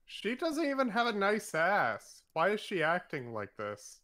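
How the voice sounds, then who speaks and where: A man's voice: high voice, huge pitch swings, measured pace, pushed and bright. A man from Venezuela co-hosting a casual video reaction show, dry and dismissive.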